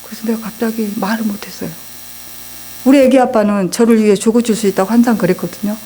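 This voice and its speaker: A woman's voice: on the high side, fairly even intonation, fast talker, warm tone, slight background noise, rough recording. A middle-aged woman, a church deaconess, telling her religious testimony to a congregation in an earnest storytelling manner. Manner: earnest storytelling, acting out her own and God's words.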